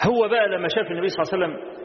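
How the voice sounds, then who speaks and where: Brief: fast-talking Egyptian male preacher, fairly high voice, storytelling sermon, echoey hall. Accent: Egyptian Arabic. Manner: colloquial, explains classical words in dialect, asks rhetorical questions. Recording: echoey hall, muffled lo-fi audio.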